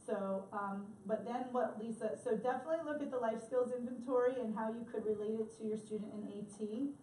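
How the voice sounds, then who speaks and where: A woman's voice: fairly high pitch, brisk, dark tone, slight background noise. Woman presenting in an echoey room. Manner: conversational, chatty with fillers. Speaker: assistive technology workshop presenter. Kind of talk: workshop presentation. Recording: echoey room, mic far off, faint ambience.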